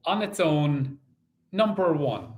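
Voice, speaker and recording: Slow, sing-song male bingo caller. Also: a little high, big pitch swings. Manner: measured, sing-song repetition of each number. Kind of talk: bingo calling, numbers chanted in set phrases.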